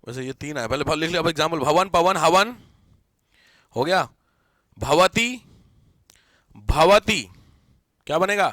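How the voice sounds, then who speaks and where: A man's voice: on the high side, brisk, no room sound, clean studio sound. A man teaching a live grammar class, quizzing and teasing his students as he goes. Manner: lively, teasing, questions students often.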